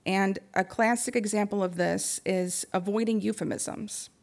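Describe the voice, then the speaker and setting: A young adult woman giving a prepared talk on supporting grieving people, speaking gently and pausing often. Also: mid-range voice, fairly even intonation, gravelly.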